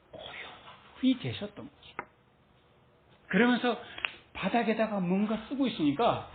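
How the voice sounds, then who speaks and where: A woman's voice: a little high, slight background noise. Questioning woman preacher, tinny and echoey. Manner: asks the listeners many rhetorical questions; light laughs between phrases. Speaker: Bible teacher. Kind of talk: sermon-style Bible lesson. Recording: tinny phone-like sound with roomy echo.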